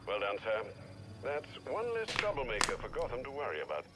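An actor voicing a polite, loyal older butler in a video game, formal and courteous, heard over a radio link. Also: male voice, mid-range voice, wildly swooping pitch, brisk.

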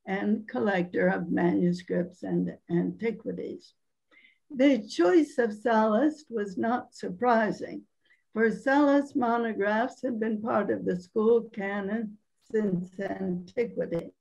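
A woman with a hoarse voice from laryngitis, giving a careful, measured scholarly presentation over a video call. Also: medium pitch, mellow, low-quality recording. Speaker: academic conference speaker.

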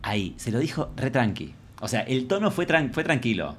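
A man's voice: medium pitch, sing-song, moderate pace, noisy background. A man with an Argentine accent giving campy, gossipy commentary on a reality show and mimicking the people he talks about. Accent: Argentine Spanish.

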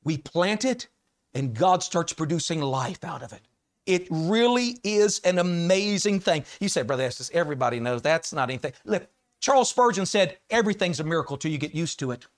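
A middle-aged American man preaching a sermon, moving from quiet folksy stories to shouted emphasis on scripture. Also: high voice, animated, moderate pace. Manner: folksy, conversational storytelling between scripture readings. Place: church sanctuary.

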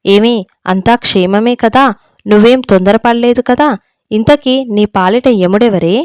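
A woman's voice: a little high, a little slow, darkish tone, clean tone, dry recording, close to an everyday voice. A woman reading as a nervous young wife. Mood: anxious. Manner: anxious, pleading.

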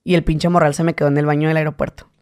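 A man in his late twenties from Tijuana with a northern Mexican accent, a guest in a casual interview, telling animated stories and slipping into high voices to mimic people. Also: rapid-fire, smooth. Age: late 20s.

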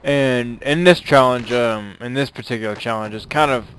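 A man's voice: mid-range voice, moderate pace, fairly bright tone, a little hiss or hum. A man doing casual commentary over a video game, rambling with many restarts and fillers. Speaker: let's play host.

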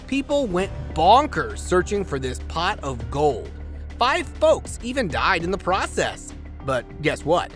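Lively man narrating over music. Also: fairly high pitch. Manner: playful, slangy countdown narration. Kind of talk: scripted documentary narration. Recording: music bed under the voice.

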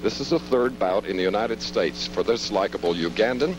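Man calling boxing over loud noise. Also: on the low side, lively intonation, a little fast. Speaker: boxing commentator. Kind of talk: live sports commentary. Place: ringside at a boxing event. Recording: noisy live arena broadcast audio. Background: loud background noise.

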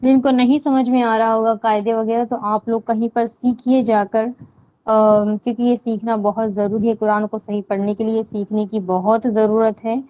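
A woman teaching Quran recitation rules, explaining slowly and answering her own questions, with drawn-out chanted recitation of verses. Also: fairly high pitch, level tone, muffled recording. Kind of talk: slow step-by-step tajweed lesson.

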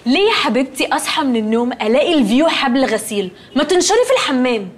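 A woman's voice: high-pitched, animated, racing, husky. An actress with an Egyptian accent playing a spoiled, prim rich young woman who sprinkles English words into her speech. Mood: snippy. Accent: Egyptian Arabic. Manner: snippy and prim. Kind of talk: TV comedy series acting.

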